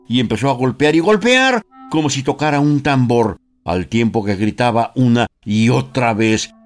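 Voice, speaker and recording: A Mexican man narrating a storybook on the radio in a measured, expressive way, slowing down for emphasis. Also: on the low side.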